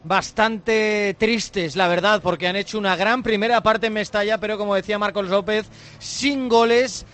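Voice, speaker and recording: A man's voice: high-pitched, fairly even intonation, normal speed, fairly bright tone. A man with a Spanish accent from Spain giving a live radio report from a football match.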